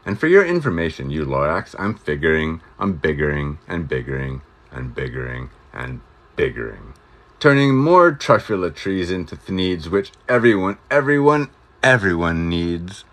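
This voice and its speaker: A man's voice: low voice, sing-song, normal speed, fairly bright tone, full character voice. A man voicing a greedy, defiant male factory owner who blusters in a storybook reading.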